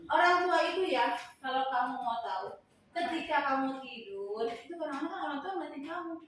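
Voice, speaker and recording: A woman counselor with a high voice, teaching a class of students in a chatty, conversational way. She is recorded by a camera far from her in a very echoey classroom, with noticeable room noise in the background. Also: brisk. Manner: conversational, chatty, teasing the class, with lively rises. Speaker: school counselor. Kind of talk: classroom guidance lesson.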